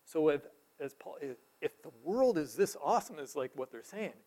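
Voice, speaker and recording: A man's voice: fairly high pitch, big pitch swings, moderate pace. Man teaching a group informally. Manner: rhetorical questions, emphatic stresses, trailing quieter at phrase ends.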